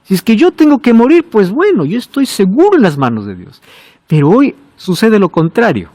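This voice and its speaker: Man preaching, fairly high voice, rhetorical questions, loud peaks and hushed drops, dry close mic. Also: sing-song, normal speed, dry recording. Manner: rhetorical questions, swings between emphatic highs and quiet lows. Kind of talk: sermon.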